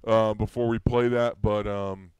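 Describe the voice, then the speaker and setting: Low-voiced man steering a fishing chat. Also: little pitch movement, measured pace, a little mellow, clean tone, no echo, rough recording. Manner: steers the talk, easygoing prompts. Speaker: fishing radio show host. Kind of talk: casual chat.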